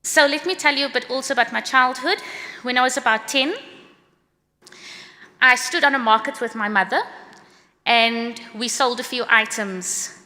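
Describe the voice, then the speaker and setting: A middle-aged woman with a South African accent presents her work at a conference in a brisk, earnest, partly read-out style. Her voice is bright and somewhat high. The sound carries a long hall reverb. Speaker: course creator presenting at a conference. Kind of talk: prepared conference talk.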